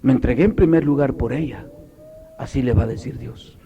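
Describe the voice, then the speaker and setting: A man's voice: medium pitch, fairly quick, dark tone, highs cut off. A man preaching a fervent sermon who keeps putting rhetorical questions to the congregation.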